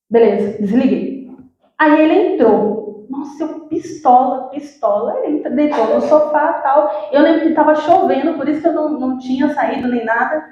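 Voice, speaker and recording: A woman with a Brazilian accent preaching a sermon, telling a personal story and acting out the dialogue while addressing the congregation. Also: high voice. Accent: Brazilian Portuguese. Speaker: church worker preaching. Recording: very echoey, dull lo-fi sound.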